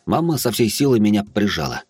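A man's voice: on the low side, big pitch swings, brisk, darkish tone, slightly rough, no room sound, faint music behind. A man narrating an audiobook in a wry, sardonic first-person voice. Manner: wry, sardonic inner monologue.

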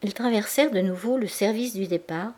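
Woman reading a classic novel aloud. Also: medium pitch. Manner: measured, expressive reading. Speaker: audiobook reader.

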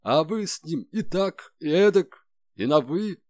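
A man voicing a blunt, hot-tempered junior officer who talks roughly, in an audiobook. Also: a little high, lively intonation, measured pace, darkish tone, no room sound, clean studio sound, pitched above the performer's own voice. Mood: indignant. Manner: rough, indignant.

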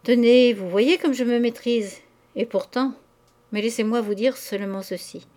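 A woman's voice: fairly high pitch, moderate pace, warm tone, lightly acted. A woman reading aloud, voicing an ardent young man who urgently presses a married woman to see him. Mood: pleading. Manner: urgent, insistent pleading.

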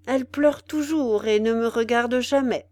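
Vain fop officer, chattering and boastful, storybook reading, woman narrator voicing him, slow and dry. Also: fairly high pitch, darkish tone, dry recording, close to an everyday voice. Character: vain foppish young male officer.

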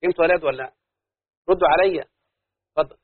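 A man's voice: a little high, rapid-fire, slightly rough, no echo. A man with an Egyptian accent teaching a classroom lesson, who keeps quizzing his students on whether they follow. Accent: Egyptian Arabic. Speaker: teacher of Arabic prosody. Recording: dry, narrow phone-like lo-fi sound.

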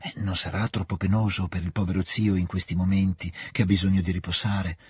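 A man's voice: sits low, level tone, fairly quick, husky, dry recording, clean studio sound. A man doing a sweetly scheming noblewoman. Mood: pleading. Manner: soft, drawling, persuasive.

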